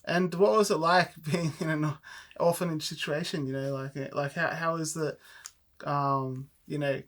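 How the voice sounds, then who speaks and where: A man's voice: fairly high pitch, steady tone, measured pace, fairly bright tone. A man hosting a podcast, chatting casually with his guest and leaning on "like" and "you know". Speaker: podcast host, priest. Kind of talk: casual interview conversation.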